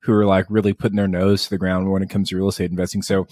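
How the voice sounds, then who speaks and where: A man's voice: low voice, level tone, rapid-fire, darkish tone, dry recording. A man co-hosting a podcast interview, talking enthusiastically and often repeating words. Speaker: podcast co-host.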